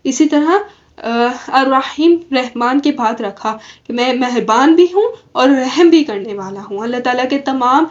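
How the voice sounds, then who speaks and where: A woman teaching a Quran commentary class, explaining slowly and asking questions that she then answers herself. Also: high-pitched, highs cut off. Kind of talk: recorded religious lesson.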